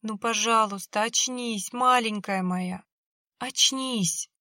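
A woman's voice: fairly high pitch, takes it slowly, sharp tone, dry recording, studio quality. A woman voicing an anxious mother whose voice trembles as she pleads over her daughter. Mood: pleading.

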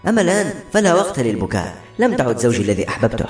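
A man's voice: medium pitch, sing-song, rapid-fire, natural voice. A man voicing a steadfast, loving wife and mother who speaks earnestly and steadily. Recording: roomy echo, faint music behind.

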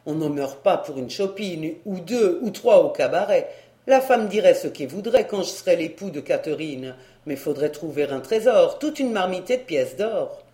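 A woman voicing a boisterous, tipsy peasant man in an audiobook, exclaiming loudly in rustic speech. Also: on the low side, reverberant, voice pushed down. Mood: scheming. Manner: loud exclaiming rustic talk. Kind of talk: audiobook character reading.

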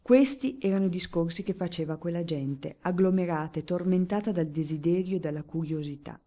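Warm, low-voiced woman narrating an audiobook. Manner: measured, expressive reading.

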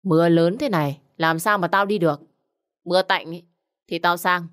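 Lady putting on a mean stingy middle-aged village guy, scolding and curt, lowish voice. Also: steady tone, normal speed, a bit bright, smooth, lightly acted.

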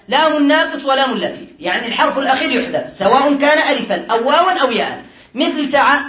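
Man, very high voice, classroom teacher, step-by-step explanation, quizzes students, echoey room. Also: a bit bright. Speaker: teacher of Arabic morphology. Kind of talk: classroom lesson.

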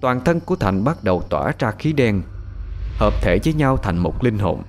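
A man narrating a ghost story in a measured, dramatic way. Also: lowish voice, big pitch swings, faint music behind.

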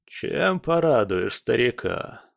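A man voicing an old, scheming male crime boss with a creaky, syrupy, falsely affectionate voice on the phone. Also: medium pitch, very animated, takes it slowly, no room sound, studio quality, full character voice. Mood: fawning.

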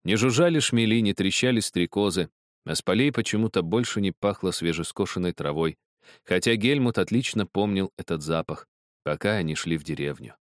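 Deep-voiced male audiobook narrator. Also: a little fast, no room sound, clean studio sound. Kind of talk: scripted narration.

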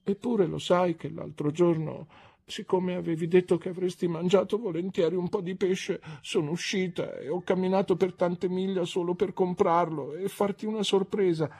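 Woman reader does a childish tearful young wife, pitched high, husky, plaintive. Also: steady tone, moderate pace, dark tone. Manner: pleading, plaintive and breathless.

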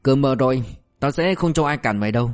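A man's voice: medium pitch, animated, quick pace, lightly acted. A man doing a raging, merciless cop. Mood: contemptuous. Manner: shouting abuse, harsh and relentless. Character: ruthless male police officer berating a suspect.

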